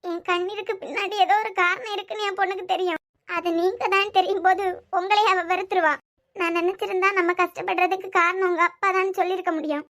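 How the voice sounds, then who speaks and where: A woman's voice: extremely high pitch, steady tone, fast, a bit bright. A woman voicing a hurt young wife in a cartoon serial, tearful and bitterly accusing her husband. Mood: wounded.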